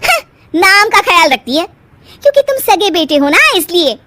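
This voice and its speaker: A woman's voice: high voice, big pitch swings, moderate pace, fairly bright tone, pitched above the performer's own voice. A woman doing a bossy, whiny young cartoon wife. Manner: bossy, whining. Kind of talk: cartoon voice acting.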